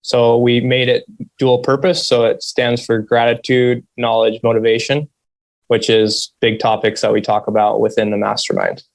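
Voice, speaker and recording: A man with a soft, quiet voice speaks in a flat, understated monotone as an interview guest. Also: medium pitch, moderate pace, creaky. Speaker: interview guest, solar business owner. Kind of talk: interview conversation.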